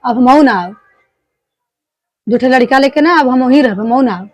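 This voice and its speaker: A woman's voice: sits high, normal speed, no echo. A woman playing a fed-up village wife in a family skit, scolding and complaining in rustic speech with an eastern Hindi belt, Bhojpuri-Awadhi accent. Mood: defiant. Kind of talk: amateur family skit dialogue.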